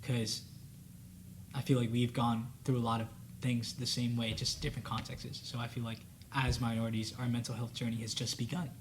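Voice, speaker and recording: A man's voice: mid-range voice, flat delivery, fairly quick, slight background noise. A young man whose first language is Spanish, speaking earnestly and reflectively in a casual student discussion, with many fillers. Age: young adult. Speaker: student panelist.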